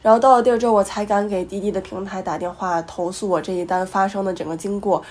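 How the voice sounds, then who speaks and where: A woman in her twenties with a cold, co-hosting a podcast and telling a story in an animated way, with outraged retorts. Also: medium pitch, fast talker. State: has a cold. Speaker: podcast co-host. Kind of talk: casual chat.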